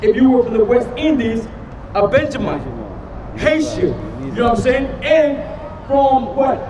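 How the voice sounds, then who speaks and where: A man preaching on a city street, loud and emphatic, quizzing passers-by with questions. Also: extremely high pitch, expressive, measured pace, a crowd in the background. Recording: distant, echoey street recording with music.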